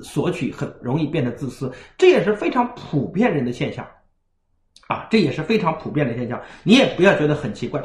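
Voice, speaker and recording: A man giving a parenting lecture on a livestream, often checking in with his listeners with "right?". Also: fairly high pitch. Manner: animated, keeps asking the audience "right?". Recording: roomy echo.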